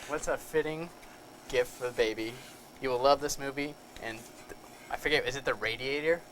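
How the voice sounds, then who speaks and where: A man's voice: mid-range voice, normal speed, fairly bright tone, slight background noise, rough recording. A man hosting a casual live show, upbeat and reading viewer comments aloud. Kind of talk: casual live-stream chat.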